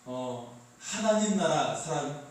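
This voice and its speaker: A man's voice: a little high, expressive, slow, darkish tone. A man preaching a Sunday sermon, light and joking as he quizzes his congregation. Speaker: pastor. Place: church sanctuary. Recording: echoey hall, heard from a distance.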